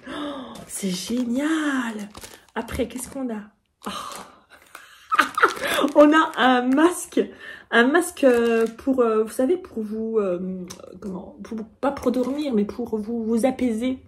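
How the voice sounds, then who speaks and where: A bubbly woman chats to the camera as she unboxes a parcel, her voice sitting a little high. She gets excitable and giggly. A faint background hiss runs under the recording. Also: slow pace. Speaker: vlogger. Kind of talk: casual unboxing vlog.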